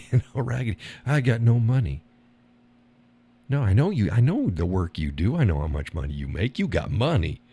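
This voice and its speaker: This live-stream host has a sing-song, dark voice with a breathy edge and a moderate pace. He rambles bluntly, curses and laughs frequently, and pitches up to impersonate other people.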